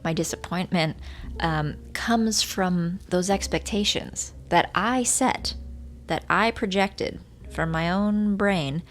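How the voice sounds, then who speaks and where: A woman's voice: on the low side, slow. A woman in her thirties talking casually and reflectively to her viewers in an earnest, musing way, with rain around her. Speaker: vlogger. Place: hotel room. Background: rain from a storm, faint music.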